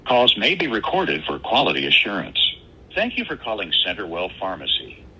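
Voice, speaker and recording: A man's voice: sits low, huge pitch swings, normal speed, bright, forceful tone, husky, low-quality recording. Man's voice on a recorded phone menu message. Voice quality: evenly paced, announcing manner. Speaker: automated pharmacy phone system.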